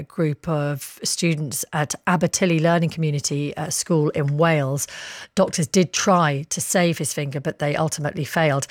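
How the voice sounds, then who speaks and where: A British woman presenting breakfast radio, with a fairly low voice. She is close and dry on the studio mic as she moves through news and listener messages. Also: no room sound. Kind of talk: live news and phone-in presenting. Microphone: close studio microphone.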